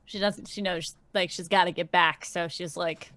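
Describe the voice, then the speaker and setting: A woman's voice: on the low side, fairly even intonation, normal speed, fairly bright tone, no echo. A woman casually describing her character's actions as a tabletop game player, hesitantly searching for words.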